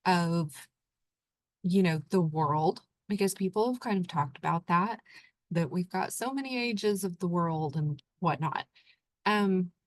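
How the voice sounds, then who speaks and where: A woman's voice: fairly low pitch, no echo. A middle-aged woman from Oklahoma hosting a casual screen-share talk, thinking aloud with lots of fillers. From Oklahoma, USA. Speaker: channel host.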